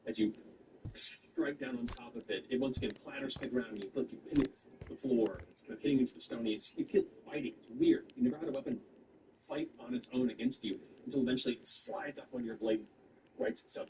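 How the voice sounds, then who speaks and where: A man running a tabletop game as game master, narrating the action in a lively way with false starts. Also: medium pitch, fast talker, creaky. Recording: distant mic in a noisy room.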